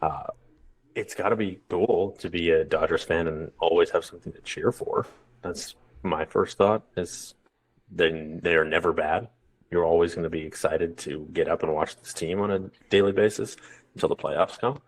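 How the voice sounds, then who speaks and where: Deep-voiced man co-hosting a sports podcast. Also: moderate pace, husky. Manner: blunt, easygoing opinions. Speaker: podcast co-host. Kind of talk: casual sports podcast chat.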